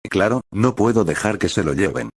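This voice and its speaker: Un hombre leyendo a un villano hosco y burlón. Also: male voice, on the low side, expressive, fairly quick, slightly rough, dry recording, clean studio sound.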